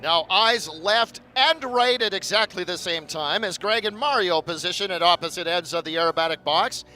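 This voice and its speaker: Male airshow commentator, bright and high-voiced, showy announcer delivery over faint music. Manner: announcer-like, building showmanship with drawn-out phrases. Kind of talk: live airshow commentary to a crowd.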